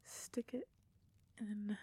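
A woman voicing a doting, possessive young goth woman lover in an intimate audio roleplay, talking in a soft coaxing whisper. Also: medium pitch, fairly even intonation, drawn-out words, husky.

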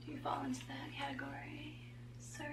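Lady doing a teasing temptress whisper role-play, creaky slow tempting whisper, noisy recording. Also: sits high, little pitch movement. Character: seductive, teasing, blackmailing adult temptress. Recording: echoey room, clear background noise.

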